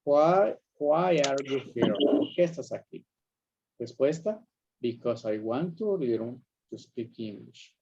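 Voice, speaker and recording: A man's voice: mid-range voice, animated, slow pace, warm tone, lo-fi sound, slight background noise. A man teaching a class, patiently explaining grammar and repeating examples while checking that students follow. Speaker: English teacher.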